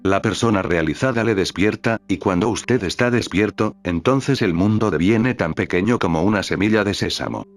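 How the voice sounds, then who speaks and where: A man reading a spiritual teacher's talks aloud in a calm, measured way, voicing the questions and stage directions too. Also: on the low side. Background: faint background music.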